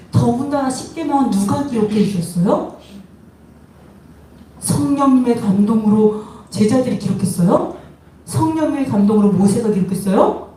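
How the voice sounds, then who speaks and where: A woman's voice: mid-range voice, warm tone. A woman pastor preaching a sermon, asking the congregation questions and acting out quoted voices. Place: worship hall. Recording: echoey room from far off, faint noise.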